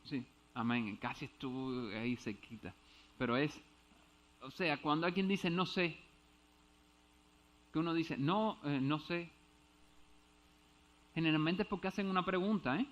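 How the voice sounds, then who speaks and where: A man with a fairly high voice preaches in a church, walking slowly through a Bible verse. He keeps checking whether his listeners follow and trips over Greek words. The recording is dull and lo-fi. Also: expressive, fairly bright tone. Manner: explains step by step, often asks if understood. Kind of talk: Bible teaching sermon.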